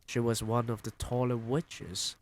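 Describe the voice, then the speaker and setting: A man reading a novel aloud on a stream, with expressive, dramatic narration. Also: mid-range voice, measured pace, slight background noise. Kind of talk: storybook reading.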